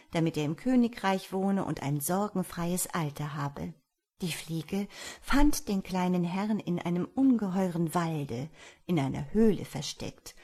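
A woman reads a fairy tale aloud in a calm, measured way. Her voice is somewhat low and has a husky, breathy grain. The storytelling is steady and unhurried. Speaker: narrator. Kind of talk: storybook reading.

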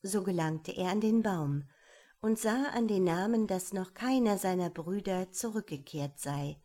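Woman reading a fairy tale slowly. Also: medium pitch, mellow.

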